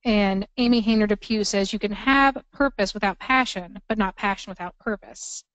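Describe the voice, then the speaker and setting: A woman co-running a workshop who reads out questions from online viewers in a brisk, informal way. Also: mid-range voice, a bit bright, no echo, poor audio. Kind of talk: relaying questions in a live workshop. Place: training room.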